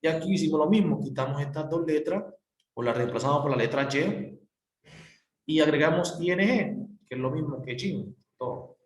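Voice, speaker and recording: A man's voice: fairly high pitch, normal speed. A man teaching a grammar lesson, patient and repetitive, spelling out letters one by one. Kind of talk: recorded classroom explanation. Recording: echoey room.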